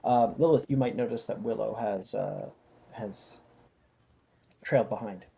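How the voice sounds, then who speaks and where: A game master narrating a tabletop fantasy game, describing scenes in a halting, improvised way. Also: mid-range voice, creaky, dark tone.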